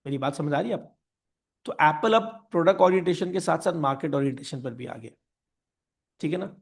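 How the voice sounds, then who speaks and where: ऊँची, खरखराती आवाज़ वाला पुरुष शिक्षक. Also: male voice, on the high side, brisk, creaky. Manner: mixes Hindi and English, acts out company voices, repeats key phrases. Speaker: business teacher. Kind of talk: animated classroom lecture.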